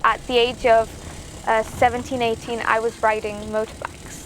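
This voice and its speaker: A woman's voice: a little high, flat delivery, normal speed, fairly bright tone, a little hiss or hum. A young woman from Romania with an English accent, a sailing vlogger talking chattily to her viewers, with fillers and restarts. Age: young adult. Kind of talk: casual vlog talk.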